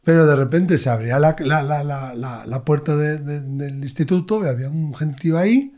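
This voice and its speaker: Mellow-voiced man telling lively stories. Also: a little high, normal speed. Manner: expressive, animated anecdotes. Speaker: medium, interview guest. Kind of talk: conversational storytelling.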